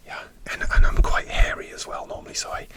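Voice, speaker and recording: A man making ASMR content whispers into the mic from very near, his story rambling and hesitant with many restarts. He goes fast.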